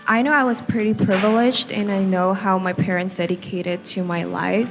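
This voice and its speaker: Soft-spoken young Korean woman student. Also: medium pitch, fairly even intonation, moderate pace. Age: young adult. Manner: thoughtful, soft-spoken with fillers. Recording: reverberant lecture hall with background music.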